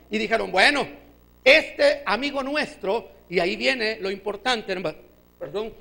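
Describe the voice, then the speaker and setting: A man delivers a fervent sermon in a church service, his voice pitched very high for a man and edged with a gravelly fry. He keeps calling out amen and pushes up into shouts as he exhorts the congregation. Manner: fervent preaching, repeated calls of amen, rises to shouts. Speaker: preacher.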